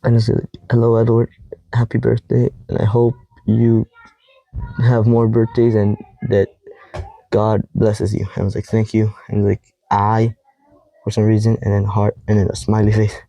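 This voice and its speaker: A young man vlogging casually to camera, reading out old text messages in a rambling, halting way with heavy sighs. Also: on the low side, creaky, no room sound, low-quality recording. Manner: quoting text messages in a flat tone.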